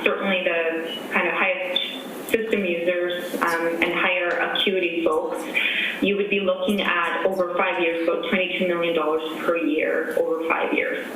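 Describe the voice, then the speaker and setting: A woman giving a measured presentation over a video call, with many "um"s and restarts. Her computer-mic audio sometimes breaks up. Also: on the low side, a bit bright, distant mic. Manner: measured, many "um"s and self-corrections. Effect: voice over a video call, breaking up at times. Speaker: presenter to a council task force. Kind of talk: remote slide presentation. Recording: very echoey call audio with faint noise.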